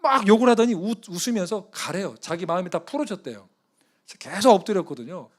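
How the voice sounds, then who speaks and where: A male missionary preaching a sermon in a conversational, animated way and weaving in a personal story. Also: high-pitched, fast talker. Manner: animated, conversational, often chuckling. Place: church service.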